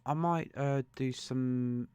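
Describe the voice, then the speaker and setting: A man's voice: mid-range voice, steady tone, slow, clear, resonant tone, no echo. A man live-streaming a novel reading, chatting easily with viewers by name between passages. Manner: greets viewers by name, easygoing and amused. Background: soft suspense music.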